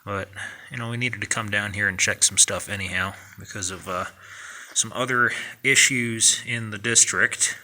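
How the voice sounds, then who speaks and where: A man hosting a mining video, giving a casual, plain-spoken walkthrough inside an underground mine tunnel and often pausing on fillers. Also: lowish voice, fairly even intonation, bright, forceful tone. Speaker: mining vlog host.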